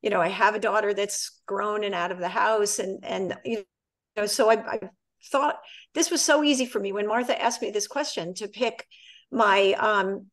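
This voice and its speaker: A mature woman talks earnestly on a podcast panel, her voice sitting in an ordinary middle pitch. She is reflective and measured, and she dwells on what lasting commitment means. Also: steady tone, a bit bright. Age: older. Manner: earnest, reflective, quotes lyrics with feeling. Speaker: guest.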